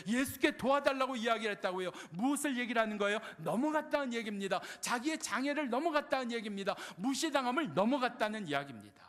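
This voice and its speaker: High, lively male pastor preaching. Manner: rhetorical questions, answering himself with repeated refrains; swings between loud emphasis and near-whispered asides. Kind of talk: sermon. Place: church sanctuary. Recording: long church hall reverb.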